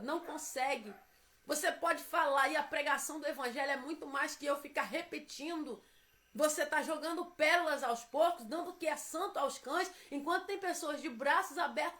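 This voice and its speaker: A woman's voice: high-pitched, a bit bright. A woman preaching a devotional sermon, emphatic and repetitive as she urges her listeners on.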